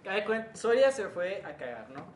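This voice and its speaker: High-voiced Mexican man, distant and echoey. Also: big pitch swings, moderate pace. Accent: Mexican Spanish. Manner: laid-back, swears freely, quotes friends. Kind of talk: casual storytelling among friends. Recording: distant mic, echoey room, background noise.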